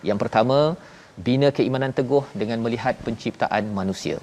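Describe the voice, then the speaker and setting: A man's voice: mid-range voice, a little fast, a little mellow, slight background noise. A man from Malaysia hosting a televised Quran lesson, explaining verses in an emphatic, preaching way. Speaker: Quran teacher and host.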